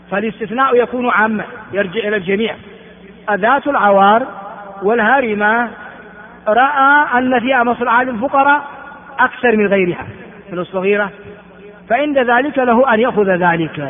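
A man giving a classroom lecture explaining hadith, asking his listeners rhetorical questions as he teaches. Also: high-pitched. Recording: tinny phone-like recording in a hall.

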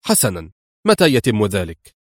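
A man's voice: fairly low pitch, wildly swooping pitch, normal speed, no room sound, studio quality. A man reading an audiobook and voicing a cool, sarcastic adult male hero.

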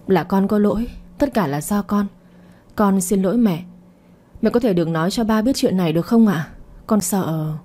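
A frightened young daughter in an audio story, apologetic and pleading, voiced by a woman narrator. The voice sounds soft and breathy, with a warm, mellow tone. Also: mid-range voice, normal speed, lightly acted.

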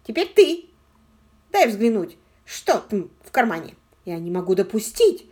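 A woman's voice: mid-range voice, big pitch swings, a little slow, darkish tone, breathy edge. A woman voicing a tough young female detective who barks short, slangy orders. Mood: shouting. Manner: brusque, barking, slangy.

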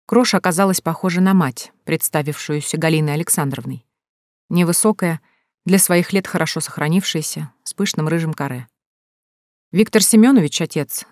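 A woman reading a novel aloud in a steady, even narrative style, recorded dry and close. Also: sits low, normal speed, no echo. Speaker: audiobook narrator.

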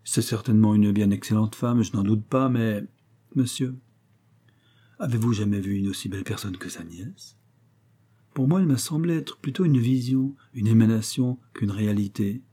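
A man reading aloud, voicing a lovestruck young gentleman who speaks in an ardent, pedantic way. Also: lowish voice, moderate pace, slightly rough.

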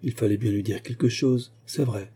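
A man's voice: mid-range voice, normal speed, warm tone, slightly rough, natural voice. A man playing an amused, worldly duke who answers in a matter-of-fact way.

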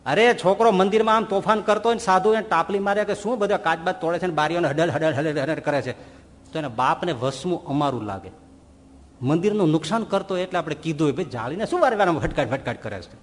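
High-voiced preaching man, reverberant hall. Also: quick pace. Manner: animated, rhetorical questions, acts out quoted voices. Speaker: swami giving a religious discourse. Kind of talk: sermon storytelling.

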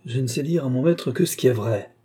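A guarded, devoted disciple, read by a male narrator answers in a steady and respectful way. His voice is mellow and slightly husky, and he stays calm under pressure. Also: medium pitch. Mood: earnest. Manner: measured, respectful, restrained. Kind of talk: audiobook character reading.

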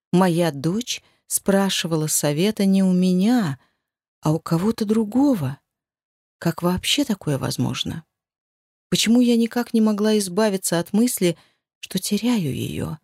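Woman with a low, dry reading voice. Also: no echo. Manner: expressive, emotional reading. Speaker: narrator. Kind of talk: audiobook narration of a first-person novel.

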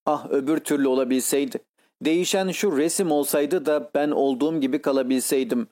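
A man's voice: fairly high pitch, a little fast, a little mellow, natural voice. A man voicing a handsome, vain young man in an audiobook reading, speaking with a pleading, impassioned delivery. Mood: bitter.

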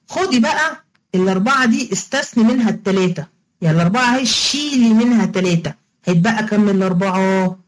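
A fast-talking woman with an Egyptian Arabic accent teaches an online class. She is playful and coaxing, and she walks through each step again and again. She keeps quizzing her students as she goes. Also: mid-range voice, poor audio. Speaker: religious studies teacher. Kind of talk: online lesson explanation.

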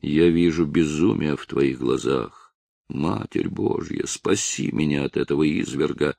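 A man's voice: rumbling low, unhurried, vocal fry, a little mellow, dry recording, full character voice. A man voicing a grieving, proud young woman in a novel reading, speaking with defiance. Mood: defiant. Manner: pleading then defiant.

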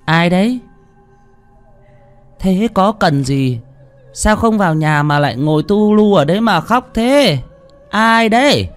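A man puts on the voice of a terrified old serving woman in a spoken ghost story, her voice climbing high and thin as she stammers. She sounds shaky and strained, far above the reader's own low voice. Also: very animated, very slow, vocal fry, hardly any pauses, soft background music, exaggerated voice. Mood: calling out. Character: terrified old maidservant woman, shrill and trembling.

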